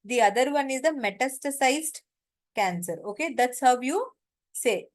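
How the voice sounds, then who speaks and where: A woman's voice: high-pitched, normal speed. A woman with an Indian accent giving an informal lecture, explaining step by step and often checking that students follow.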